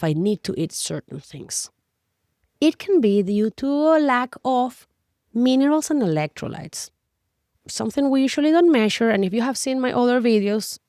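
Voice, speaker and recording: Woman, middle-aged, Spanish accent, Spanglish-tinged English, fairly high voice, dry close sound, emphatic conversational coach. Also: darkish tone, dry recording. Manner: non-native English with Spanglish word slips; emphatic, conversational, addresses listener directly. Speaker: nutrition coach. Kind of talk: explanatory talk to camera.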